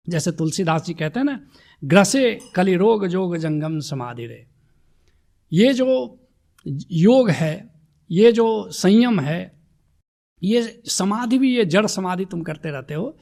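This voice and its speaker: A man giving a sermon as a spiritual teacher, reciting devotional verses slowly and then urging his listeners with rhetorical questions. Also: high voice, vocal fry, a little mellow.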